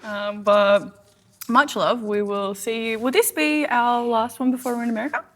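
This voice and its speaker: A woman's voice: on the high side, steady tone, moderate pace. Broad Australian woman, casual podcast banter. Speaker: podcast co-host.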